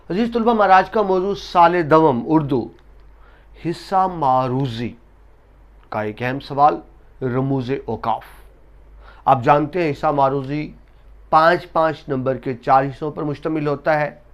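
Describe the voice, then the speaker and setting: A man teaching an Urdu grammar lesson to students, speaking slowly and emphatically, stretching key words and repeating terms so they stick. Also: mid-range voice, dull audio. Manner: addresses students directly, repeats terms for drilling. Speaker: Urdu lecturer. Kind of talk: classroom grammar lecture.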